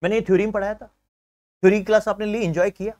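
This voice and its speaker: A man teaching an exam-prep science class, energetic, building memory tricks and calling viewers his friends. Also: sits high, very fast, dry recording. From India. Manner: energetic, uses memory tricks and asks himself questions; keeps addressing viewers as friends.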